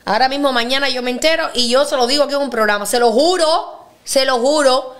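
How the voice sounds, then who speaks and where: High-voiced, blunt woman podcast host. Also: a bit bright. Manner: emphatic, blunt storytelling with rapid bursts. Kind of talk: casual podcast chat.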